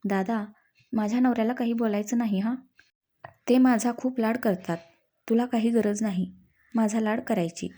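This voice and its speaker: A woman's voice: a little high, fairly even intonation, moderate pace, warm tone, natural voice. Woman reading a coy, pampered young wife. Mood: pleading. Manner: pleading, coy.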